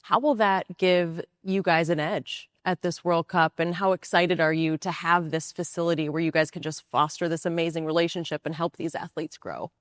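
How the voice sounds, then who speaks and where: A woman's voice: lowish voice, fairly even intonation, moderate pace, few pauses, dry recording, clean studio sound. Upbeat woman broadcaster asking questions. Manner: upbeat, smooth broadcaster's delivery. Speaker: interviewer. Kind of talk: panel interview on stage.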